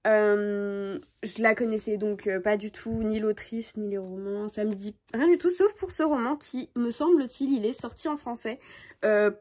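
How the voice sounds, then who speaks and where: A woman's voice: medium pitch, moderate pace, a little mellow. A young woman chatting casually about books she bought, with frequent hesitations and restarts. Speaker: book YouTuber. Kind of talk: casual book haul chat.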